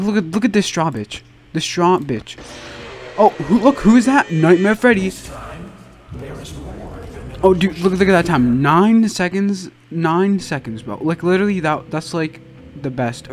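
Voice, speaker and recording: Young male streamer, slightly high voice, flustered, exasperated, sweary, casual gameplay commentary, clearly noisy background. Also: darkish tone. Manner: frequent profanity. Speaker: game streamer. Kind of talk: casual let's play commentary.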